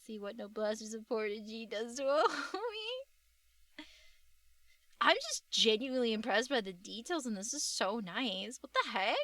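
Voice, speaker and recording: A woman chatting casually on a livestream in a cute, gushing anime-streamer way, with slangy, expressive exclamations. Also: a little high, a little slow, no echo. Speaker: VTuber artist and livestreamer.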